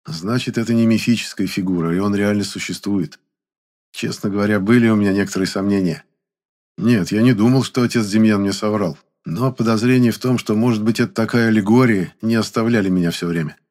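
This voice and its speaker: A man's voice: fairly low pitch, a little fast, darkish tone. A man narrating a first-person audiobook in a wry, matter-of-fact way.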